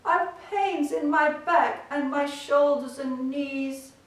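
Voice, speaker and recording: A woman's voice: high-pitched, slow pace, voice pushed up. A woman voicing a small, meek male turtle who pleads politely through pain. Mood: pleading. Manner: pleading, soft. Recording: echoey room from far off.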